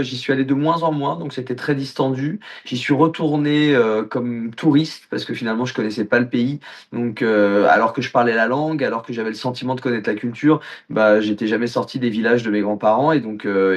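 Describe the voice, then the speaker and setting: French-born male actor, mid-range voice, expansive interview talk. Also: mid-range voice. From France. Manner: expansive, talks at length. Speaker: actor and author, podcast guest. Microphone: video call.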